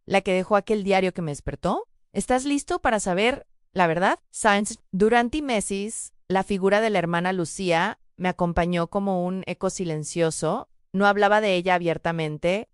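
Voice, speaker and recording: A woman narrating a first-person testimony in a solemn, measured storytelling voice, sometimes turning to address the listener directly. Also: medium pitch, clear, resonant tone, no room sound, clean studio sound.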